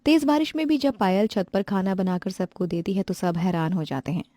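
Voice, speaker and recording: A woman narrating a scripted animated family story in a plain storytelling way. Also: medium pitch, brisk, dry recording.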